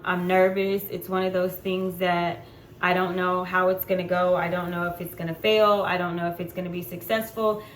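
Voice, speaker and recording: Chatty woman in her forties, echoey room. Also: mid-range voice. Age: 40s. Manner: chatty, unfiltered, frequent ums. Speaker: vlogger. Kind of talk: casual personal vlog. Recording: echoey room with faint background noise.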